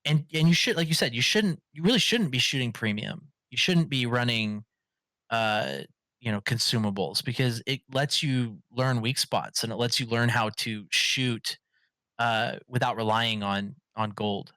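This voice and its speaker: A man's voice: medium pitch, moderate pace, bright, forceful tone, dry recording. A man hosting a casual gaming podcast, rambling with many fillers and restarts. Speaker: podcast host.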